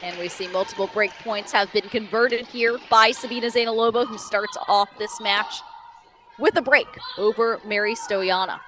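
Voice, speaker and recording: A woman commentates a tennis match live, speaking in a calm, analytical way as she describes each player's style. Her voice sits at an ordinary middle pitch. A faint hiss runs underneath the broadcast. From New England. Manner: measured, analytical play-by-play.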